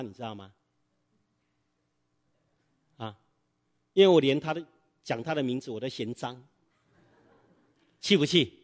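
A middle-aged man preaching a sermon in church, telling a story and quizzing the congregation with fill-in-the-blank questions. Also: mid-range voice.

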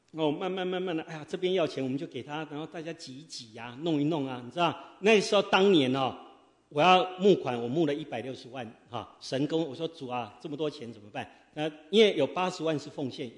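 A man preaching a sermon, quizzing the congregation and swinging from quiet asides to loud exhortation. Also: fairly high pitch, big-room sound. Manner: lively, quizzes the congregation with fill-in questions. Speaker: pastor. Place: church sanctuary.

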